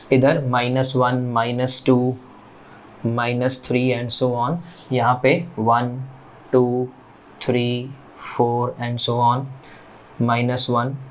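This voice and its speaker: A man teaching a math lecture at a whiteboard, explaining step by step and asking the class questions as he goes. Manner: counts off axis numbers in a low voice while drawing.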